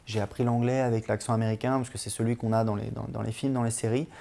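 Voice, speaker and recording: A man's voice: mid-range voice, level tone, fast talker, vocal fry, warm tone. A man in his thirties giving casual advice on learning languages in a chatty way, with many fillers and restarts.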